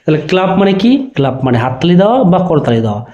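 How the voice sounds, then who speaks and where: A man teaching with a fairly high but mellow voice, spelling words letter by letter. He keeps asking his students if they follow. The recording sounds dull and lo-fi. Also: big pitch swings. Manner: checks understanding with repeated questions, spells letters out slowly. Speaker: online teacher. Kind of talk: spoken lesson to students.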